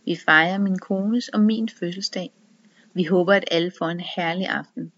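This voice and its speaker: A woman reading the lines of a man hosting a garden party, brisk and welcoming. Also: on the low side, fairly even intonation, a bit bright, no echo, lo-fi sound. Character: festive man dressed as a witch, hosting.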